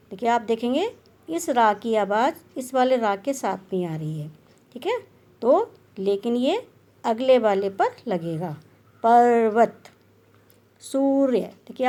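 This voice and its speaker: A woman's voice: on the high side, a little mellow. A woman teaching a grammar lesson, explaining patiently and sounding out syllables one by one. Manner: patient, explanatory, repeats "dekhiye" and "theek hai".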